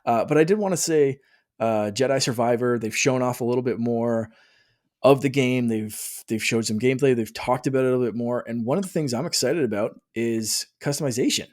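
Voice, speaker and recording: A man's voice: medium pitch, brisk, a little mellow. A man hosting a podcast, chatting casually and laughing often. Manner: chatty, laughs often, acts out quoted voices. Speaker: podcast host. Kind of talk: casual chat.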